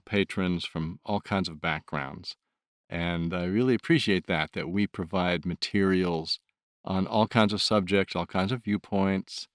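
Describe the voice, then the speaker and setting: A man's voice: low-pitched, no room sound, studio quality. A man who volunteers as an audiobook narrator, talking about his work in a thoughtful, earnest way. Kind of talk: reflective interview talk.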